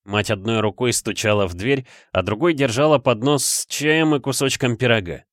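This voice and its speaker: A man's voice: medium pitch, normal speed, dry recording. Man narrating a story, dry sound. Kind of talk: audiobook narration.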